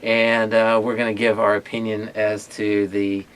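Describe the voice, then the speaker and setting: Halting low-voiced man hosting a taste test. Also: completely flat delivery, a bit bright, smooth. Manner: hesitant, many fillers and restarts. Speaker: ministry owner and host. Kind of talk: casual chat and taste test.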